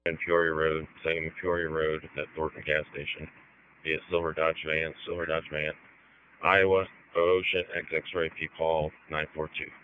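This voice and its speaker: Very deep, flat police radio voice. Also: male voice, moderate pace, smooth, no room sound. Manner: clipped radio code, repeats plate letters phonetically. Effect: police radio transmission. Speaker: police officer calling in a vehicle. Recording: narrow phone-like radio band.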